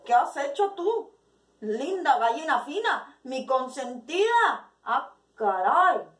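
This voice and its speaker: Excitable kindly farmer, put on by a woman: high, unhurried, gushing exclamations, echoey room. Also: recorded from a distance, heavily acted. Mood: amazed. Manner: drawn-out, exclamatory, fond. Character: excitable kindly male farmer, middle-aged.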